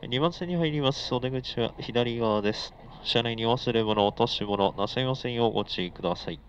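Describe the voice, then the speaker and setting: A conductor with a mid-range voice, speaking at normal speed, delivers formal and polite announcements aboard a moving commuter train. The onboard speaker is muffled with noise, and the faint hum of the train and air-conditioning can be heard.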